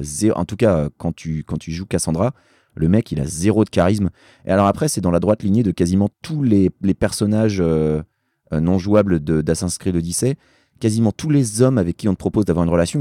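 A man with a very deep, soft-toned voice that is worn and hoarse from yelling, recorded close and dry. He sounds tired and rambles casually as a talk show guest, with dry, self-deprecating jokes. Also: no room sound.

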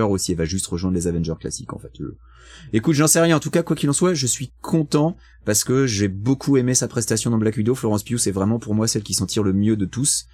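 Fast-talking low-voiced man. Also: a little mellow, dry recording. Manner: enthusiastic fan, quick and talkative. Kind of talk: casual film review chat.

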